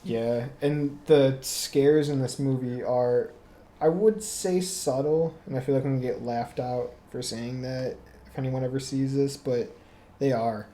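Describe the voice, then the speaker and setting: A man co-hosting a podcast, chatting casually about movies, relaxed and quick to laugh. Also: mid-range voice. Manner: relaxed, laughs often, lots of fillers. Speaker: podcast co-host. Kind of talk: casual movie review chat.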